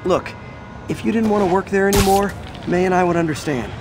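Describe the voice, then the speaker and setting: High-voiced young superhero played by a man. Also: fairly quick, background noise, close to an everyday voice. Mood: earnest, supportive. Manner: quippy, earnest. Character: young wisecracking superhero, caring and earnest. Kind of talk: dramatic game voice acting.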